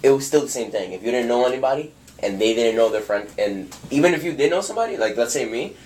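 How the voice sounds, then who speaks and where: A man's voice: medium pitch, animated, fast talker, a little mellow, slight background noise. A young man co-hosting a casual chat in a joking, laid-back way. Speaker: podcast co-host. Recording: echoey room.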